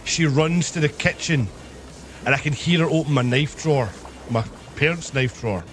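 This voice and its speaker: A man streamer telling a story casually on a live stream, swearing heavily and animated in his retelling. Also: on the high side, moderate pace, slight background noise.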